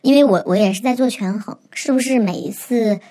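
A woman's voice: a little high, a little fast, mellow. Young woman, voice run through a changer, telling her story straight out, sometimes whispering. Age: 20s. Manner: frank, sometimes dropping to a whisper. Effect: voice-changer disguise. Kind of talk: candid personal storytelling.

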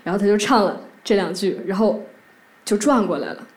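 A woman, telling a personal story to a live audience, halting and emotional, many restarts and repeated words. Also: medium pitch, animated, a little mellow, a little hiss or hum. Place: theatre stage.

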